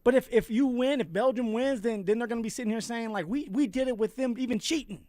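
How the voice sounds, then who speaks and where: A man's voice: very high voice, fast talker, warm tone, no room sound, clean studio sound. Blunt man co-hosting sports radio. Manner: blunt, repeats words, plainspoken opinions. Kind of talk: sports talk radio debate. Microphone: studio microphone.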